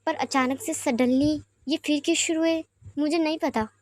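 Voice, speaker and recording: A woman's voice: high-pitched, steady tone, moderate pace, a little mellow, dry recording, pitched above the performer's own voice, lightly acted. Woman voicing a pouty, whiny young man. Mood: confiding. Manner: childish whining refusals.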